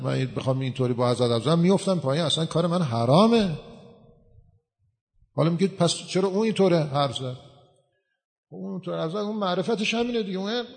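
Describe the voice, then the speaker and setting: A man's voice: a little high, creaky, darkish tone. A man giving a religious talk to a gathering, answering questions and explaining with everyday examples. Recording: long hall reverb.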